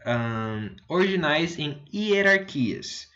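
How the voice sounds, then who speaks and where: A man's voice: fairly high pitch, expressive, very slow, a bit bright, dull audio. A man teaching English to viewers, explaining patiently, repeating words and checking in with his listeners.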